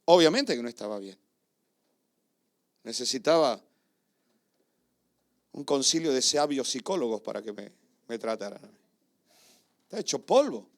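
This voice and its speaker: A middle-aged male pastor, preaching a sermon and telling personal stories with emotion, swinging between loud and hushed. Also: mid-range voice, sing-song, measured pace, pauses often.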